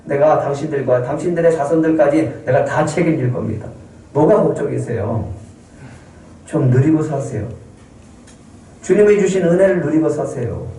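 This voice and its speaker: A man acting out a gentle brother who earnestly reassures his frightened siblings. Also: on the high side, animated, moderate pace, close to an everyday voice. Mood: pleading reassurance. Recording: roomy hall from a distance.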